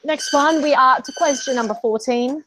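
A woman's voice: high-pitched, normal speed, fairly bright tone, a little hiss or hum, rough recording. A woman hosting a quiz show in a casual, playful style, reading out questions and chatting with the contestants.

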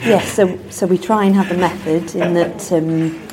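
A woman's voice: fairly low pitch, steady tone, unhurried, noisy background. A woman giving informal, matter-of-fact explanations as an expert guide in an interview. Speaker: bat surveyor, expert guide. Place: inside a mine tunnel.

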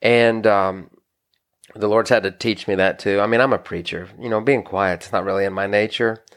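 With a smooth, steady, lowish voice at a moderate pace, a married adult pastor teaches scripture on a podcast. He talks in an earnest, conversational way, frequently restarting and saying "you know".

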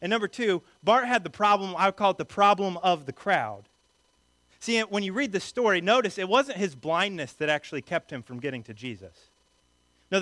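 A male preacher whose voice sits a bit high and sounds close and dry. He preaches in a lively, conversational, joking manner, talking directly to his listeners. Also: no room sound. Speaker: pastor. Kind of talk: sermon.

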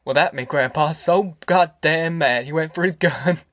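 Performing an audiobook, a man voices a boisterous older farmer father with a rural Southern American accent, rambling and folksy and clearly amused. His voice is fairly high and bright, at normal speed, close to an everyday voice.

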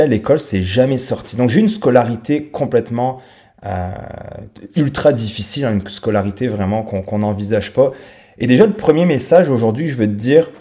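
In an unscripted podcast monologue, a man from France in his thirties speaks right to the listener with a casual, informal manner. He hosts the show in a warm tone, his mid-range voice marked by a French accent.

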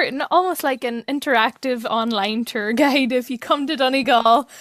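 A woman's voice: fairly high pitch, a bit bright, no room sound, clean studio sound. A woman with an Irish accent hosting a podcast in informal, loosely phrased casual chat. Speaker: podcast host.

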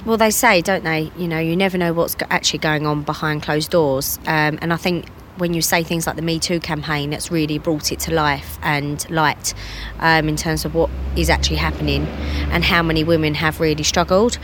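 A woman hosts an interview in a fairly low voice. She asks questions in an easy, conversational way, with a few fillers. Faint noise sits in the background. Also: steady tone, moderate pace, a bit bright. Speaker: interview host.

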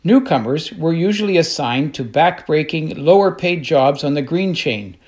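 A man's voice: on the high side, lively intonation, normal speed, a little mellow. A man reading scripted documentary narration as the narrator.

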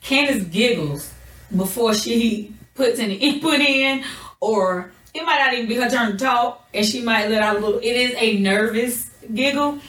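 A woman co-hosting a podcast in casual chat, speaking slowly and deliberately as she gathers her thoughts. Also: a little high, fairly bright tone, echoey room, far from the mic, low-quality recording. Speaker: podcast co-host.

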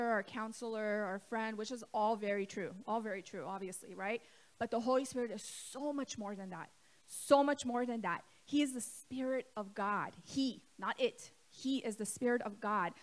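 A woman's voice: on the high side, moderate pace. A woman pastor preaching a sermon in a conversational way, asking her congregation questions and talking to them directly. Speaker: co-lead pastor.

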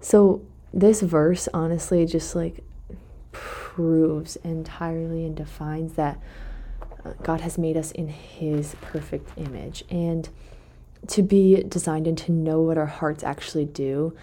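A woman's voice: sits low, steady tone, slow pace, warm tone. A woman hosting a devotional podcast, talking casually and thinking aloud, correcting herself as she goes. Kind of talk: casual faith reflection talk.

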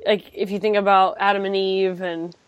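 A woman's voice: medium pitch, little pitch movement, moderate pace, clear, resonant tone, no echo, highs cut off. A woman talking enthusiastically about faith in a casual chat, often restarting her sentences. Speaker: co-host.

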